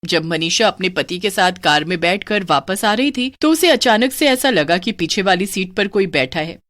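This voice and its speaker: A woman narrating a scripted horror story in an expressive, animated voice. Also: mid-range voice, normal speed, no echo, clean studio sound.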